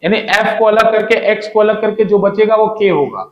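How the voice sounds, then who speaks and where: Male physics teacher, high-pitched, lecturing, asks rhetorical questions, echoey room. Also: moderate pace, dull audio. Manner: repeats points, keeps asking questions, calls students "beta". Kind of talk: classroom lecture.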